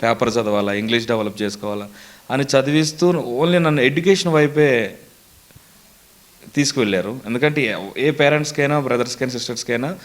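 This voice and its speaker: A man's voice: mid-range voice, a little fast. A young man, a mimicry artist answering interview questions earnestly, in a storytelling way. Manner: earnest, storytelling, lists names steadily.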